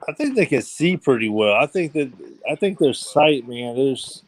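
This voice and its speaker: A man's voice: medium pitch, lively intonation, moderate pace. A man hosting a livestream, chatting casually about fishing in a rambling, laid-back way full of fillers. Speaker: livestream host.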